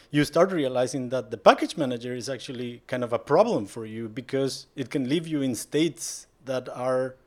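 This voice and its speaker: A man's voice: medium pitch, darkish tone. A man from Guatemala, a guest giving thoughtful, explanatory interview answers. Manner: thoughtful, explanatory, with light laughs. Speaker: guest, software maintainer.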